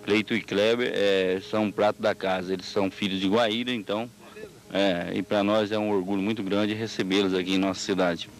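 A middle-aged man giving a formal, measured promotional interview into a handheld microphone. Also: lowish voice, level tone, faint music behind. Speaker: rodeo festival organiser being interviewed. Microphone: handheld interview microphone held by interviewer. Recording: old 1990s videotape TV recording.

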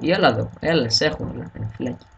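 A young man with a cold, chatting excitably while gaming, swearing and joking often. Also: medium pitch, vocal fry, distant mic, highs cut off, a little hiss or hum. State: has a cold. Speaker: gamer host. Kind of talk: casual gaming chat. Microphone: headset mic.

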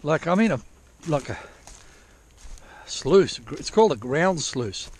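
Filmed outdoors on a head-mounted action camera, a man tours old diggings for his prospecting vlog, rambling, correcting himself, and swearing casually. He speaks slowly in a sing-song way, with a slightly high, darkish, husky voice.

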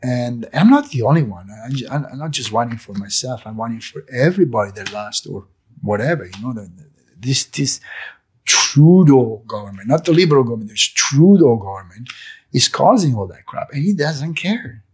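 A man who owns a cafe gives an emotional personal testimony in an interview. He has a husky voice, restarts and repeats words, and turns loud and indignant as he goes on. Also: medium pitch, very animated, brisk. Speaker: cafe owner, interview guest.

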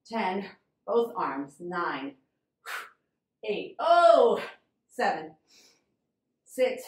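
A woman's voice: medium pitch, echoey room, distant mic. A young adult woman leading a home workout in her garage, counting reps aloud, encouraging and out of breath. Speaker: fitness instructor.

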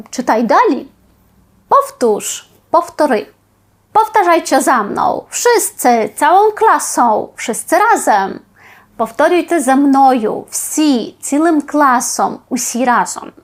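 A woman teaching a Polish vocabulary lesson, saying each phrase and then giving its Ukrainian equivalent, with slow, careful enunciation. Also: high voice.

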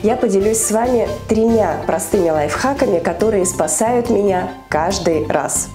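Over background music, a woman in her thirties speaks at normal speed in a mid-range voice. She's a Chinese teacher and school founder recording a scripted lesson to camera in a small room on a lapel mic, staying upbeat, using her hands and laying things out like a list.

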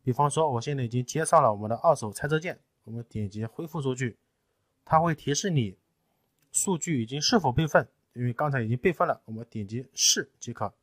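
A man in a technical tutorial, explaining each step patiently and often pausing with fillers. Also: mid-range voice, no room sound. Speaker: tutorial presenter. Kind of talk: screen-recorded technical tutorial.

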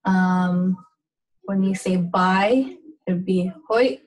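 A woman teaching a pronunciation lesson, speaking slowly and carefully and repeating each sound and word. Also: fairly low pitch, little pitch movement, far from the mic, poor audio. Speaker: language teacher.

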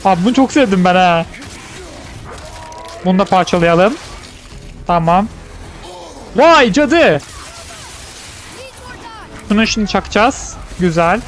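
A young man giving playful, chatty let's-play commentary, shouting excitedly in fights. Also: high voice, normal speed, pauses often, faint music behind. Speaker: gameplay commentator.

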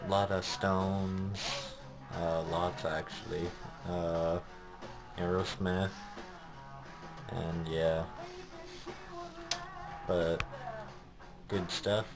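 Music plays in the background as a teenage or young adult vlogger talks in his small bedroom, camera held at arm's length. His voice is low and he speaks extremely slowly with frequent pauses, rambling through his video diary in a hesitant, flat-toned way.

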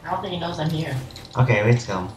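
A woman's voice: deep voice, sing-song, fast, music in the background. A woman chatting casually while gaming online, recorded roomy and distant with noise. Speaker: gamer playing with a friend. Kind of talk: casual chat during online game.

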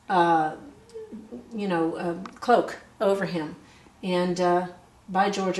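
A middle-aged woman, a theatre writer-director, talking casually and with enthusiasm about costumes she made, often pausing on fillers. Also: medium pitch. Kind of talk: casual show-and-tell narration. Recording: echoey room, voice a bit far from mic.

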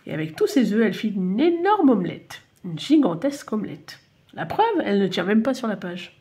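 Animated woman reading a children's story. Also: mid-range voice, brisk. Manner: animated, playful.

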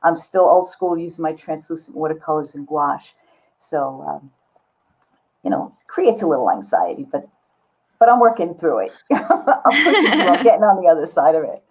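Speaking from a book-lined home studio indoors, an older woman artist answers a video-call interview in a casual, reflective, candid way. Her low, slightly rough voice is very animated and keeps a moderate pace, and the audio has the slightly dull quality of a video call.

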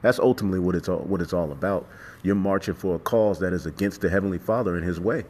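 A man's voice: sits low, fast talker, darkish tone. A man giving an informal sermon as a religious teacher, speaking emphatically and repetitively with profanity. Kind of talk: informal sermon with scripture reading and commentary.

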